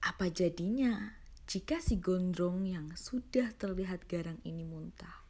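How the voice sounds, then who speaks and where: Slow-paced woman reading horror stories. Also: on the low side, dark tone. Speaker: host and reader of an online horror story show. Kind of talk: slow read-aloud horror narration.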